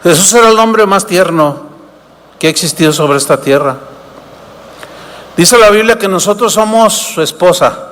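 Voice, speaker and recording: A man preaching from the pulpit, his voice sitting high for a man. He asks his listeners questions and slips into short acted exchanges. The sound rings with the long reverb of a large hall. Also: expressive, moderate pace, long pauses, a bit bright. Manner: preaches with rhetorical questions, acts out dialogues. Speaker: pastor. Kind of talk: sermon.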